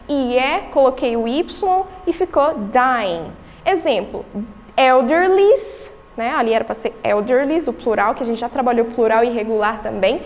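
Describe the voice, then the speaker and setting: A high-pitched woman with a Brazilian Portuguese accent teaches an English lesson, walking through each rule step by step. She asks herself questions and then answers them. Her voice rings with a long reverb, as if she is in a reverberant room. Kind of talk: recorded remote lesson.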